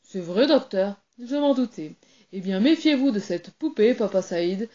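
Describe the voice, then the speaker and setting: A woman's voice: medium pitch, lively intonation, unhurried, dark tone, highs cut off, close to an everyday voice. A woman doing a smug, greedy doctor.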